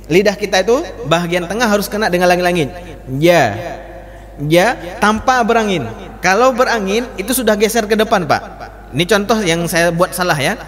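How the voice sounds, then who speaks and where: A man's voice: sits high, moderate pace, a bit bright. A male Quran recitation teacher, giving a mosque study class and demonstrating letter sounds for his students again and again. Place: mosque hall. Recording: reverberant mosque hall.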